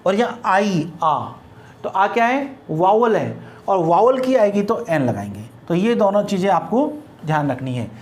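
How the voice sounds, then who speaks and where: A man's voice: high-pitched, sing-song, a little slow. A male teacher walks his class through a grammar rule. He spells words letter by letter and keeps asking rhetorical questions before answering them himself. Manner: drills students with repeated rhetorical questions.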